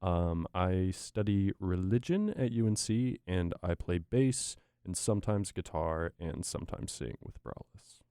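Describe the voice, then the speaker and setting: A young man from Asheville, North Carolina, a student bassist, speaking in a halting, laid-back way. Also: dark tone, clear, resonant tone, dry recording, studio quality. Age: young adult. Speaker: bassist, guest. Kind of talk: casual interview chat.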